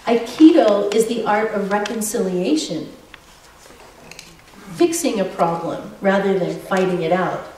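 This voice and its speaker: A woman pastor tells a story to children, animated and questioning, at a slow pace with a rather high voice. She sounds far from the mic in a very echoey sanctuary with faint background noise.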